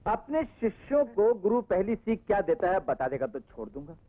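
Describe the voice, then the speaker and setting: An actor playing a tough, hot-headed rowdy police inspector who talks in a gruff, taunting, bossy way, in a Hindi film dub. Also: male voice, high voice, big pitch swings, a little fast. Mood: commanding. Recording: muffled dubbed film soundtrack with faint music.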